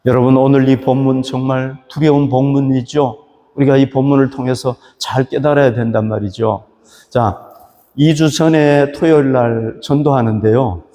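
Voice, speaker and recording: A man's voice: medium pitch, fairly even intonation, moderate pace, warm tone, big-room sound. A male pastor preaching a sermon, asking rhetorical questions and rising for emphasis. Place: church hall.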